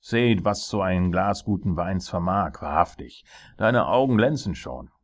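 A man performs a cruel, mocking tyrant king in an audiobook, deep and husky and loud with scorn. He bullies and bursts into rage, his rough low voice pushed up into a bellow. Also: animated, measured pace, exaggerated voice. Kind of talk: dramatic audiobook reading.

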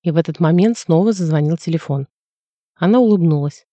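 A male narrator reads a novel aloud in a measured, reflective way. His tone is mellow and warm. The sound is dry and close. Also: on the high side, no room sound, dull audio. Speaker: audiobook narrator. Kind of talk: scripted narration.

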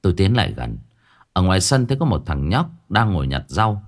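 A man narrating a first-person story in a gruff, dramatic way. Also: low voice, very animated, brisk. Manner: gruff and dramatic, acting out his own shouted lines.

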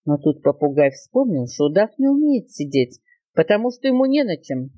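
An older woman reads a children's tale at home with an expressive, storytelling touch. Her pitch rises and falls with animation, and the voice sits close and dry. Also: moderate pace, no room sound, dull audio. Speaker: grandmother reading to her grandson.

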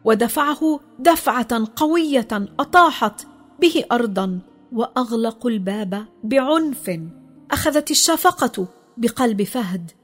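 A woman narrating a children's story, expressive and dropping low in the sad parts.

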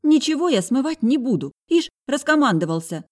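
A woman voicing a defiant eighteen-year-old girl, shrill and indignant in an audiobook. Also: sing-song, a little fast. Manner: shrill, indignant, pushing back. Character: bratty defiant young woman, hot-tempered.

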